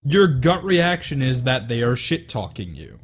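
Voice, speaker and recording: A man's voice: mid-range voice, big pitch swings, unhurried. A man co-hosting a podcast in casual, rambling chat with many fillers. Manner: rambling, full of fillers and restarts. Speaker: podcast co-host.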